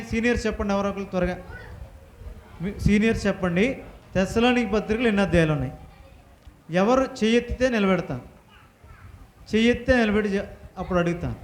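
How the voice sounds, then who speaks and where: A man teaching a Bible lesson to children, firing questions at the class and having them repeat answers loudly. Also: sits high. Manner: quizzing the class with rapid questions. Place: church hall with children. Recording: echoey hall.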